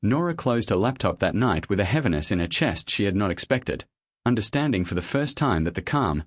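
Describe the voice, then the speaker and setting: Man narrating a story in measured tones. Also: on the low side, big pitch swings, dry recording, studio quality.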